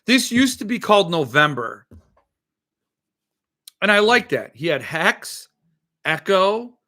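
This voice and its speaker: A male host with a slightly high voice talks in a loose, rambling way. His s sounds come out slushy with a lisp. He thinks aloud, hesitating and wandering into asides. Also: sharp tone. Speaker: host of a book-collecting show. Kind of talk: casual rambling chat.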